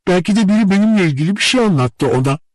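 A heartbroken young woman, put on by a male audiobook reader, pleads through tears, her voice lifted well above his usual register and swinging widely. She sounds husky and close in a dry studio. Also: fairly high pitch, animated, a little slow, a little mellow, no echo, voice pushed up, rough recording. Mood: distraught. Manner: tearful, pleading, breathless questions. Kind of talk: audiobook character reading.

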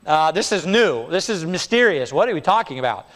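Man, pastor, high voice, sermon, hushed then emphatic, long church reverb. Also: big pitch swings, fairly quick. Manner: expository preaching, swinging between hushed low lines and raised emphatic ones. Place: church sanctuary.

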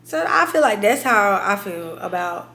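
A young adult woman chatting casually in an animated, slangy way. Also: medium pitch, moderate pace, creaky. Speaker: vlogger. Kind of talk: casual chat. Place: indoors at a home dining table. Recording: echoey room.

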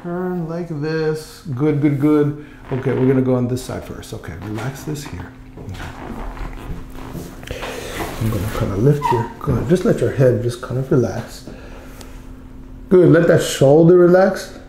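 A man's voice: mid-range voice, unhurried, pauses often, noisy background. A middle-aged male chiropractor chatting and joking with a patient while he works, reassuring and playful. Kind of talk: casual chat during treatment. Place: small clinic treatment room, indoors. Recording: echoey tiled room.

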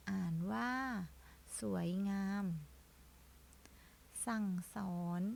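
A woman teacher leading young children through a word-reading drill, reading each word and then repeating it slowly and clearly. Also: medium pitch, fairly even intonation, a little mellow. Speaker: primary school teacher.

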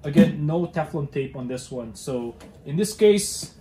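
A man's voice: a little high, lively intonation, measured pace, mellow, roomy sound. A young man hosting a casual how-to demonstration, talking hesitantly with many fillers and restarts while he works with his hands in a cluttered garage. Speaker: DIY car channel host.

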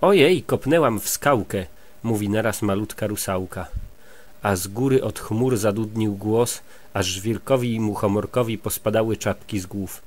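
A man reading a children's story aloud to a child, stopping gently to explain words. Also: on the low side, steady tone, normal speed. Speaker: reader to a child.

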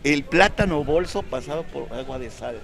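A man's voice: fairly high pitch, animated, normal speed. A man reporting live at an outdoor town festival, chatting in a playful, easygoing way. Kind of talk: live on-the-street chat. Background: live folk music.

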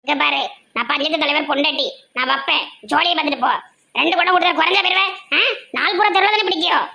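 A woman with a Tirunelveli Tamil accent, playing a loud quarrelsome villager in a comedy sketch. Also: sits high, quick pace, vocal fry.

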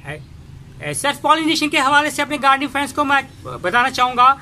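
Male gardening host, high bright voice, halting delivery, faint outdoor hiss. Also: expressive. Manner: halting, many fillers and restarts. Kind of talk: casual hands-on garden tutorial.

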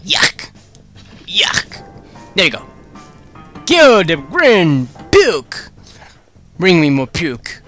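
A young man giving excitable let's-play commentary, yelling, taunting and cursing at enemies as he plays. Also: high voice, very slow, long pauses, faint music behind. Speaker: gaming YouTuber.

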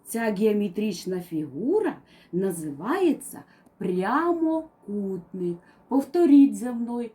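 High, sing-song woman teaching toddlers. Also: mellow. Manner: sing-song, coaxing, has children repeat words after her; playful exclamations and chanted rhymes. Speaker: preschool teacher. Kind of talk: children's educational game video.

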